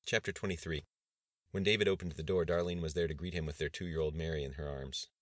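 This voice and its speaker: A male audiobook narrator reads in an extremely deep, low voice at a measured pace. The sound is dry and close, with no echo at all. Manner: measured, even reading. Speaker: audiobook reader. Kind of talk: scripted narration.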